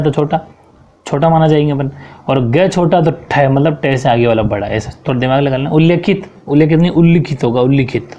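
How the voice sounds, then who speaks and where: A man's voice: fairly high pitch, warm tone, highs cut off. Man teaching a step-by-step grammar lesson. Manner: explains step by step, often checks in with "ठीक है".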